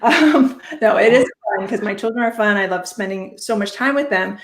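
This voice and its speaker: A woman's voice: mid-range voice, normal speed, reverberant, slight background noise. A woman in her thirties co-hosting a casual live chat show over a video call. She talks chattily, laughs often and restarts her sentences.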